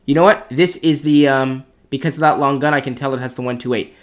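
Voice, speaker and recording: A man's voice: mid-range voice, fairly even intonation, quick pace. A man giving blunt, opinionated commentary as he ranks tanks for competitive play, thinking aloud as he goes. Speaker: clan commander ranking tanks. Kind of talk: casual gaming commentary.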